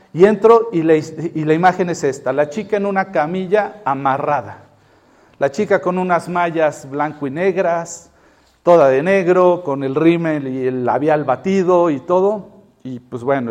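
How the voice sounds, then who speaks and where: A man preaching a sermon, telling a story in an animated way and acting out the voices he quotes. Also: a little high.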